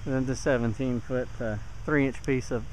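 Out in a yard, a man demonstrates a DIY radio project in a relaxed, straightforward tutorial captured by a handheld camera mic with clear background noise. He speaks with a mid-range voice, a steady tone and a moderate pace.

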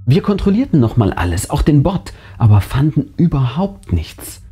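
Here the narrator and channel host has a husky, warm, fairly high voice with a sing-song lilt, speaking at normal speed. He reads a scripted first-person horror tale dramatically and suspensefully over background music.

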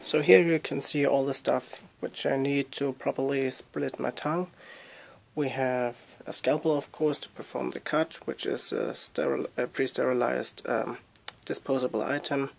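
A young man explaining things in a casual handheld phone vlog, with measured, precise and rather formal wording. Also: medium pitch, fairly even intonation, creaky. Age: young adult.

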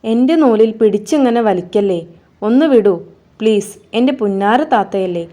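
A lively little kite boy, playful and full of pleading, coaxing in an excited, eager way, as a woman reads him out in a children's storybook. The voice is soft and mellow, never sharp. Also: medium pitch, moderate pace, natural voice.

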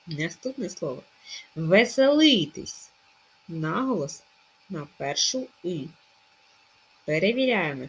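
Female primary teacher for a recorded lesson, lowish, very lively intonation, slow stressed dictation. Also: a little hiss or hum. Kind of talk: recorded remote lesson for children.

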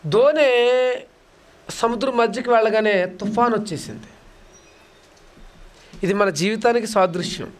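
A man preaching a dramatic sermon, asking rhetorical questions and swinging between loud declaiming and soft asides. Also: sits high, measured pace, pauses often. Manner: dramatic, acts out voices of beggars and crowds, rhetorical questions.

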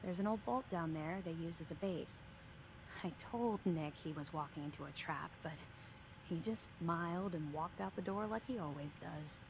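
An actress playing a weary, worried and loyal detective's secretary in a video game, earnest and downcast. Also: female voice, on the low side, normal speed, background noise, close to an everyday voice. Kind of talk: dramatic video game dialogue.

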